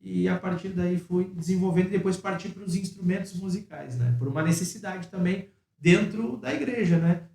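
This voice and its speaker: A man, a math teacher and church musician explaining his story calmly, often adding tag questions. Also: high-pitched, normal speed, gravelly. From Uruguaiana, Rio Grande do Sul, Brazil. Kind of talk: casual chat. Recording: echoey room, distant mic.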